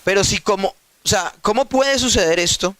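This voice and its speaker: A man's voice: sits high, normal speed, fairly bright tone, no echo. A male pastor preaching a sermon emphatically, putting rhetorical questions to his listeners and addressing them directly.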